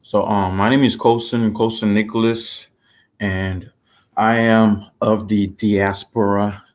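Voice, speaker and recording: Low-voiced relaxed man from Haiti. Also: slow pace. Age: 20s. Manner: relaxed, chuckling, with many fillers. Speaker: guest. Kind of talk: casual interview.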